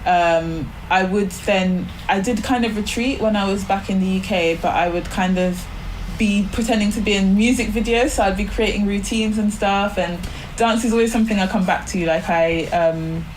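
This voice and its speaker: A woman's voice: mid-range voice, fairly even intonation, moderate pace, slight background noise, poor audio. A woman from Barbados, a podcast guest, talking casually and rambling, with lots of "like" fillers. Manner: chatty, many "like" fillers, rambling. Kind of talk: casual spiritual chat.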